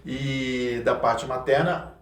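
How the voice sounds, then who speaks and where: A man's voice: mid-range voice, fairly even intonation, slow pace, far from the mic. A man from Rio de Janeiro with a Carioca accent, a voice actor talking casually as a podcast guest, hesitant with many restarts. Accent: Carioca Brazilian Portuguese. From Rio de Janeiro, Brazil. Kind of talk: casual interview chat. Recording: echoey room, a bit off mic.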